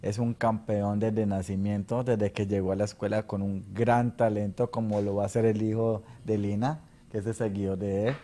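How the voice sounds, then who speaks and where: A dance school director speaks as a guest on a morning show, courteous and earnest. His voice is low and mellow. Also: flat delivery, moderate pace, few pauses. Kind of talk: polite guest greeting.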